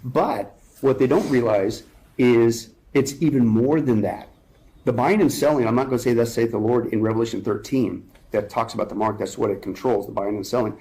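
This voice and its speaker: A man's voice: medium pitch, fairly quick, dark tone. A man speaking as a guest in an interview, urgent and emphatic, building his points with rhetorical questions. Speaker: guest speaker on end-times prophecy.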